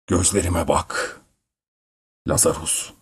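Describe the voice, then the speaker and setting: Male narrator doing an aging Roman emperor: weary, proud, slow and hushed, deep and dry. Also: steady tone, husky, no echo, full character voice. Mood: weary pleading.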